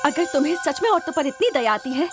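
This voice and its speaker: Lady boss, sharp and reproachful, high animated delivery, loud score under it. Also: fast talker, music in the background. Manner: stern, scolding. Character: stern outspoken female office boss. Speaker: office boss. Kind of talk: Hindi film dub acting. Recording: dubbed film with loud score.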